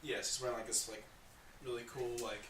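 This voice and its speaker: A man's voice: medium pitch, level tone, fairly quick, distant mic, a crowd in the background. A man narrating as dungeon master in a loose, chatty way, full of fillers, recorded in an echoey room away from the mic. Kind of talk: narrating a tabletop game.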